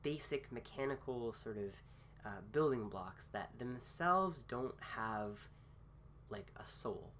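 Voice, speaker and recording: Still getting over a cold, this male host has a slightly roughened, middle-pitched voice and moves slowly through an informal talk on philosophy. His intonation is lively and somewhat bright, though he pauses often, fills gaps with ums and says phrases twice. Behind him runs a faint hum.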